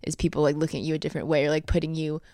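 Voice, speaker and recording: A woman's voice: low-pitched, level tone, very fast, warm tone, dry recording, clean studio sound. A young woman hosting a casual podcast interview, giggly and chatty, a little drowsy from allergy medicine. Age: young adult. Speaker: podcast host.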